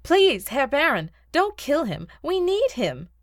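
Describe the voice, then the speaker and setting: Brief: young heroine, pleading and urgent, pitched higher than the narrator; woman voicing her. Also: huge pitch swings, slow pace, dry recording, clean studio sound, full character voice.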